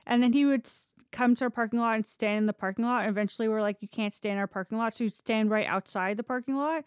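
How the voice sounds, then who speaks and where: Speaking fast in a smooth, slightly high voice, this woman hosts a podcast and spins conversational stories that are informal, blunt and sprinkled with swearing. The studio-quality recording has no room sound.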